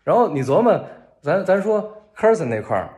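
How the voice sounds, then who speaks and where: Beijing-accent guy joking around dry and deadpan, voice bouncing up and down a lot, kinda high for a guy. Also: normal speed. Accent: Beijing Mandarin. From Beijing, China. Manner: wry, joking, deadpan gallows humor. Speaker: civilian in a war zone posting a video. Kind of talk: casual monologue to viewers.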